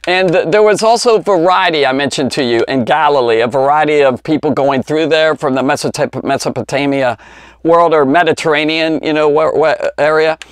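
A Bible teacher from Cincinnati, an American man in his fifties, gives kids a rambling, informal lesson full of false starts and self-corrections. His voice is fairly high, clear and resonant at a moderate pace, picked up without echo by a collar lapel mic in a small book-lined study.

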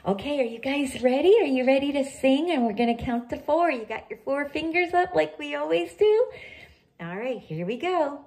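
A woman hosting a children's sing-along, gently encouraging young viewers and counting them in. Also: high-pitched, animated, normal speed. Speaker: children's host and singer. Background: ukulele.

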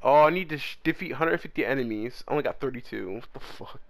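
Young male gamer, lively pitch, prone to sudden yells, dry headset sound. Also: fast, vocal fry, dry recording. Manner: excitable, loud outbursts. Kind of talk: casual gaming chat.

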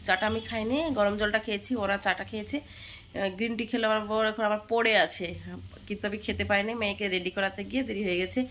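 A woman in her thirties from India with a West Bengal accent, hoarse from a cold, chatting casually to viewers as she cooks at home. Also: medium pitch, fairly even intonation, fast talker, slight background noise. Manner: chatty, talks straight to viewers while cooking. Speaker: housewife vlogger. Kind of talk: casual home vlog chat. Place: home kitchen. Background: loud guitar music.

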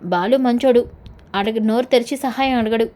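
A woman voicing a calm male politician who explains in a steady, approving way. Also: on the high side, normal speed, close to an everyday voice.

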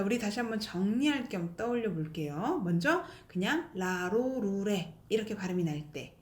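A woman teaching an online language lesson, speaking slowly and clearly, repeating example words and encouraging her viewers. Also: mid-range voice, darkish tone. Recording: echoey room.

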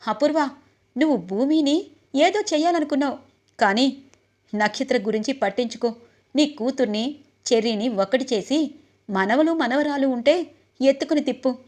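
A woman's voice: on the high side, a little mellow, natural voice. A woman voicing a passionate, defiant young man who speaks out for the woman he loves in an impassioned way. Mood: firm.

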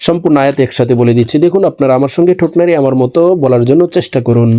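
A man's voice: medium pitch, rapid-fire, mellow, highs cut off. A man with a Bangladeshi Bengali accent teaching Quran recitation syllable by syllable, patiently repeating each sound and drawing the words out for learners to copy. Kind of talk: spelling-out Quran lesson, slow drawn-out recitation.

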